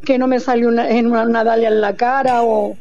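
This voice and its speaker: An older woman from Almería with an Andalusian accent, chatting warmly as a caller on a night radio show, laughing often. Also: on the high side, flat delivery, fairly quick, gravelly, muffled recording, crowd noise. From Almería, Spain.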